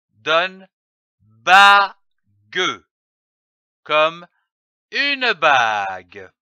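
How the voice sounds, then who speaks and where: A man teaching children to read, sounding out and spelling syllables slowly and carefully. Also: a little high, pushed and bright, smooth, no echo, muffled recording. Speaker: reading teacher. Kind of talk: slow syllable-by-syllable reading lesson.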